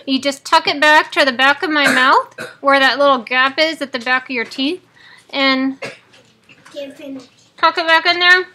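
Casual female vlogger, 30s, high-pitched and sharp, teeth held shut as she speaks, informal how-to delivery. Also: unhurried, pauses often. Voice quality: speaking through clenched teeth, jaw wired shut. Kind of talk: casual tutorial chat. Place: small home living room, indoors. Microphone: webcam at close range.

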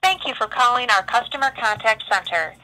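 A woman's recorded phone menu message, reading scripted options in an even, formal way. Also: on the high side, fairly quick. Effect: recorded phone menu message over a phone line. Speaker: automated customer line greeting.

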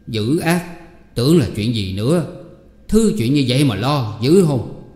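A man voicing a gruff, stingy middle-aged man who scolds and makes demands. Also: mid-range voice, animated, fast talker, lightly acted. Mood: scolding. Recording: echoey room with long reverb.

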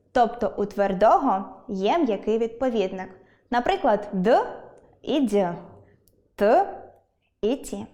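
A woman teaching a scripted online lesson, pronouncing sounds one at a time in a clear, careful way. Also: on the high side, darkish tone.

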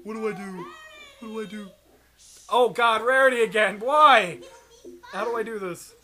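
A woman's voice: on the high side, moderate pace, pushed and bright, recorded from a distance. A young woman hosting a casual live commentary, laughing often and exclaiming in exasperation. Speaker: commentary host. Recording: music playing behind.

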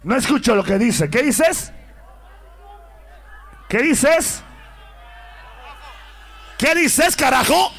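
A man working as a party MC and DJ, brashly taunting and hyping a live dance crowd with shouted calls. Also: extremely high pitch, animated, extremely slow, vocal fry, pauses often. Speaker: party MC and DJ host. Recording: live PA over loud music. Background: loud party music.

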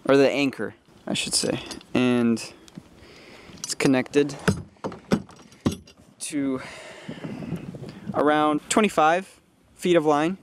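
A young DIY video maker casually explains his homemade kayak anchor, partly while out in a kayak on a lake, using fillers and restarts in an instructional voice-over and on-water demo. His voice is a little high and slow, with frequent pauses. There's background noise.

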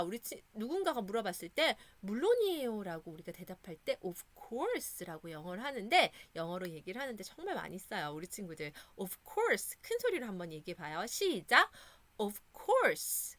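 Lively bright-voiced Korean woman teacher. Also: mid-range voice. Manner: encouraging, repeats words slowly for kids to echo. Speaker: English teacher for children. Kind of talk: children's English lesson.

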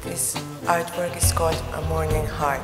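A middle-aged woman from Argentina with an Argentine Spanish accent, a native Spanish speaker, explaining her artworks in a halting way, searching for words. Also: deep voice, flat delivery. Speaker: artist. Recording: roomy gallery echo with music.

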